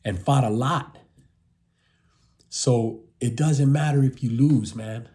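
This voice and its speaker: A boxing channel host from the United States, a man in his fifties, gives rambling, casual commentary, repeating himself and ending lines with "man." His voice is medium in pitch and mellow, and he takes it slowly.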